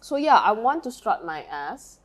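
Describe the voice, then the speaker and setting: A woman's voice: mid-range voice, sing-song, a little slow. A young Malaysian woman with a Malaysian accent, co-hosting a casual chat podcast. She tells stories brashly and swears a lot. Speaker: podcast co-host.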